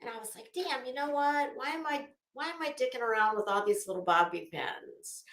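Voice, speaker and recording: A livestream host talks a little fast in a high, somewhat bright voice. Her casual chat rambles and trips over itself as she looks for the right words, with dramatic, emphatic storytelling, recorded in a roomy, echoing room.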